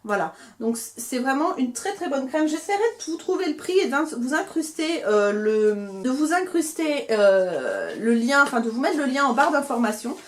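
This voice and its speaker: A woman's voice: high-pitched, big pitch swings, moderate pace, hardly any pauses, a little hiss or hum. A young woman chatting casually through a beauty haul, talking with lots of fillers and restarts as she shows and reviews products. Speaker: beauty vlogger.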